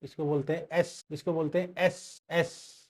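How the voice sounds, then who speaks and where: Slow-talking male language teacher. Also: fairly high pitch, flat delivery, a little mellow. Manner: slow, repeating sounds many times for learners. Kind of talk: online language lesson.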